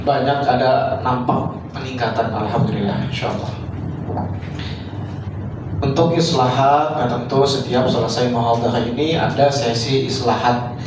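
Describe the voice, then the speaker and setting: Teacher in an echoey hall. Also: male voice, mid-range voice, steady tone, moderate pace. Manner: instructive, uses rhetorical questions and demonstrations. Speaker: religious school teacher giving feedback. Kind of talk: evaluation talk to students after speech practice. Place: school hall. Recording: echoey hall, distant mic, noisy.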